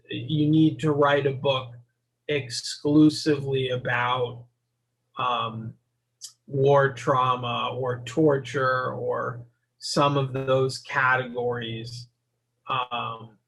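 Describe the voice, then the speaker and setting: A man speaking as a psychotherapist guest in an interview, explaining his ideas in a measured way. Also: mid-range voice, fairly bright tone, rough recording.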